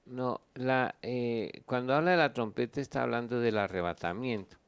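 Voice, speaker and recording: A Colombian pastor with a smooth, mid-range voice answers Bible questions in a teaching Q&A, explaining at length, reading scripture aloud and pausing to look up verses.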